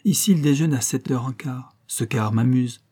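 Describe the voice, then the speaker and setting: A man's voice: mid-range voice, moderate pace, mellow, close to an everyday voice. A man voicing an affected middle-aged woman posing as a Parisian countess, with a theatrical, wistful, mock-aristocratic manner. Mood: plaintive.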